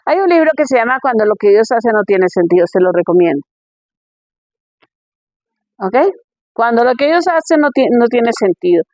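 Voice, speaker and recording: Woman pastor, high voice, conversational sermon, dry and dull-sounding recording. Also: big pitch swings, normal speed, pauses often, darkish tone, no echo. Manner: conversational, asks rhetorical questions. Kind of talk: conference sermon.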